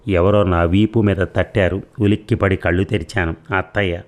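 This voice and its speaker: A man narrating a first-person audio story with a measured, steady reading. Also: low voice.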